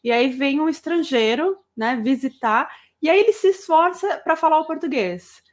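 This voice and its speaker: A woman from Brazil hosting a casual interview, asking questions and swooping up when excited. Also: high voice, moderate pace. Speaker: host.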